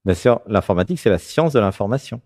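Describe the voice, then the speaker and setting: Guiding a caller on his spiritual talk show, a man from France speaks fast in a lowish voice. He stays animated throughout, constantly checking in with "tu vois."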